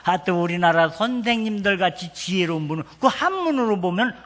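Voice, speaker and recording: A man's voice: sits high, expressive, brisk, a bit bright. An older man, a retired senior pastor, preaching a revival sermon and acting out stories of his family in dialogue. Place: church revival meeting hall. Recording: long reverb of a church hall.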